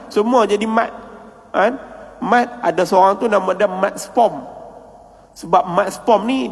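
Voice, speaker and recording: A man's voice: high-pitched, gravelly. A man with a Kedah Malay accent giving a humorous mosque lecture, telling stories and acting out the dialogue. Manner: storytelling, jokey, acts out dialogue. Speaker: religious lecturer. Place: mosque hall. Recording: reverberant mosque hall.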